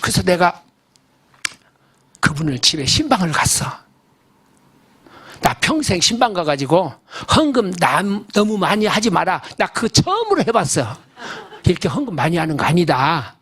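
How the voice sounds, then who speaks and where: An older male pastor preaches in a church service, telling a story in a folksy, emphatic way. His voice is high for a man and rises and falls in wide, animated swings, with a husky edge. He keeps turning to the congregation with questions. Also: moderate pace, long pauses. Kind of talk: sermon storytelling.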